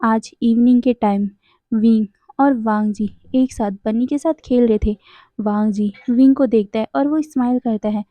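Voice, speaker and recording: A woman's voice: a little high, steady tone, normal speed, warm tone, no room sound, lo-fi sound. A woman narrating a fan story in a casual, conversational way, now and then correcting herself.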